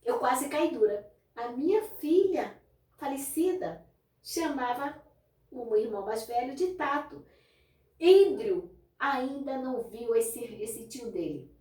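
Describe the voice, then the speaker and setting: A woman's voice: sits high, expressive, slow pace, darkish tone, distant mic. Older woman telling a story in an echoey room. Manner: emotional, addresses viewers directly. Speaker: testimony speaker. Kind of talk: personal storytelling to camera.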